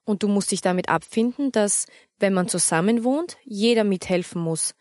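A patient storybook mother speaks calmly and firmly, with a gently teasing edge, as a woman reads her. The sound is dry and close. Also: medium pitch, moderate pace, dry recording, close to an everyday voice. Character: patient, wry mother, calm and firm.

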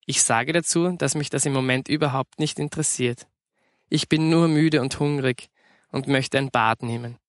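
A man's voice: mid-range voice, normal speed, dry recording, lightly acted. A man voicing a tired working mother who speaks dryly and wearily in a storybook reading. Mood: exasperated. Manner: dry, weary.

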